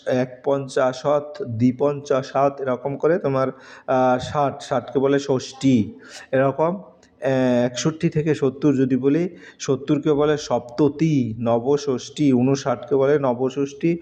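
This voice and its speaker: A male teacher walking students through an exam-prep lesson, slowly reciting letters and numbers one by one. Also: medium pitch, dark tone. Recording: dull lo-fi recording.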